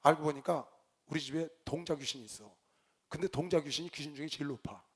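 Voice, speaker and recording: A male pastor preaching, telling a story with lively swings between loud outbursts and quiet low asides. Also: fast talker, husky. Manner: animated storyteller, shouts quoted lines, drops to low asides. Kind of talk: sermon with storytelling.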